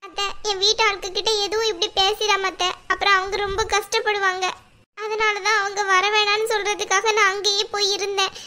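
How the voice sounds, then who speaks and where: A woman's voice: extremely high pitch, level tone, brisk, pushed and bright, a little hiss or hum. A woman voicing an anxious, pleading young wife in a cartoon. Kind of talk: cartoon voice acting.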